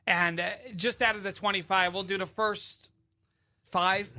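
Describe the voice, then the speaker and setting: A man's voice: high voice, steady tone, unhurried, pushed and bright. A male radio host bantering casually, often rambling and interrupting himself.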